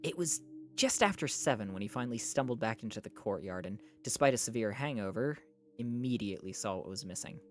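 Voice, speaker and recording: A streamer reading a novel aloud live, trading exasperated retorts with chat between passages and dropping lower and slower for the narration. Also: expressive, soft background music. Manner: argues back at chat in exasperated bursts.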